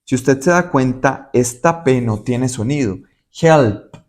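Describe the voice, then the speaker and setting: A man's voice: mid-range voice, expressive, measured pace. A man teaching English in Spanish, explaining patiently and repeating example words to demonstrate pronunciation. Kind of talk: Spanish-language English lesson.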